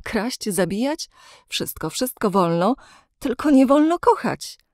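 Casting: a woman doing a young heroine, passionate and bitter, defiant, lively reading in a dry audiobook. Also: a little high, measured pace, no echo, pitched above the performer's own voice. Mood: impassioned.

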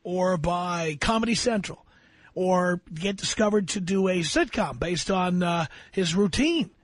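Blunt, husky-voiced radio host. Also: male voice, high-pitched, expressive, unhurried, dry recording. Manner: blunt, lecturing, emphatic. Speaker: radio talk show host. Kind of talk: call-in advice talk.

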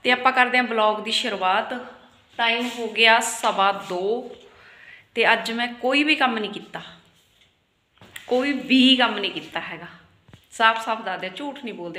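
A chatty woman with a Punjabi accent talks through her day for a family vlog, teasing and laughing as she goes. Her voice sits a little high and sounds bright and forward. The room around her gives it a noticeable echo. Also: moderate pace. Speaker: vlogger. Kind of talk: casual home vlog chat.

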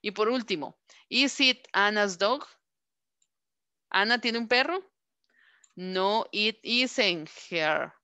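A woman teaching a class, repeating words slowly and asking questions over and over. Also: mid-range voice, pushed and bright, clear, resonant tone, no room sound. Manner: slow, drawn-out word modelling and repeated questions. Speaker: English teacher. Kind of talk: online class instruction.

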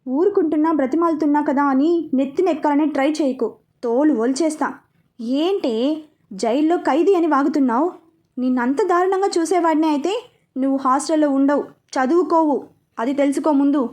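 Woman reading as a stern young man, commanding, scolding, mellow high voice. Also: moderate pace, close to an everyday voice. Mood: angry. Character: stern protective young man, quick-tempered.

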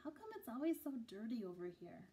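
A woman reads the part of a young storybook boy, a little wistful and full of questions. The pitch is raised and the phrasing is colloquial. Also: big pitch swings, a little fast, dark tone. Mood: plaintive, questioning.

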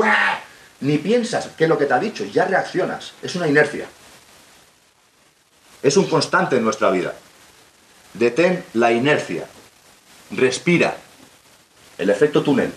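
A man giving a talk to young listeners, telling a survival story and asking rhetorical questions. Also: medium pitch. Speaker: guest speaker. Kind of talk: motivational talk to young audience. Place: local hall with audience. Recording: roomy hall, faint background hiss.

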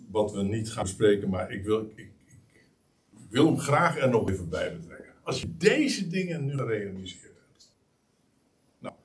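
A man's voice: lowish voice, recorded from a distance. A man delivers a sermon in a church hall, his voice swinging up and down with emphasis. He halts often and restarts mid-thought. The mic sits some way off from him. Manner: lively, emphatic preaching with many hesitations. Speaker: preacher.

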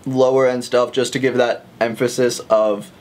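A man's voice: mid-range voice, little pitch movement, moderate pace, a little mellow. A man in a studio casually giving his thoughtful take on microphones. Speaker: audio engineer friend. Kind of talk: casual chat. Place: studio room.

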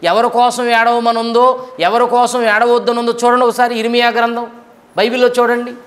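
A middle-aged man from India delivers a sermon in a notably high voice. He keeps firing questions at his listeners, swelling to forceful emphasis and then dropping low again. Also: flat delivery, brisk. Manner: questioning, emphatic preaching with rising and falling intensity. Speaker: pastor.

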